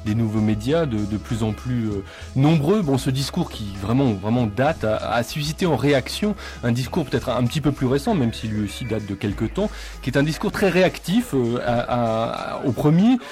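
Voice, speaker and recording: A man co-hosting a radio panel discussion, framing long questions with many pauses and restarts. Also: medium pitch, expressive, a little mellow, soft background music. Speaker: radio co-host.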